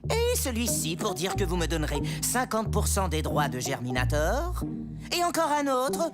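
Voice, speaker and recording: A woman's voice: mid-range voice, huge pitch swings, normal speed, loud music behind the voice. A woman playing a smug, grasping, officious cartoon musician. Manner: officious, haggling. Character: smug, grasping, self-important auditioning brass player. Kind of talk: French animated cartoon acting.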